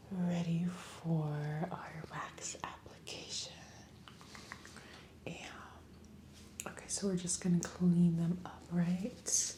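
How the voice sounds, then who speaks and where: A woman whispering softly and slowly in an ASMR roleplay as a spa esthetician, chatty and reassuring. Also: on the low side. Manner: soft whisper, slow and soothing, chatty reassurance.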